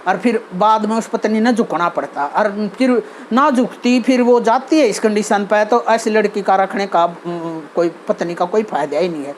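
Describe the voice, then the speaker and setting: Speaking at medium pitch and normal speed with hardly any pauses, a Haryanvi-accented channel host talks casually but earnestly about social behavior, offering advice amid many fillers and restarts. Slight hiss or hum is audible.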